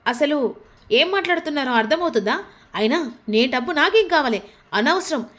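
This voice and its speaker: A proud, outspoken young woman argues loudly and will not back down, as a woman retelling the story puts her on. Her voice is high and sharp-edged with anger. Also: animated, moderate pace. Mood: angry. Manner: loud, quarrelsome.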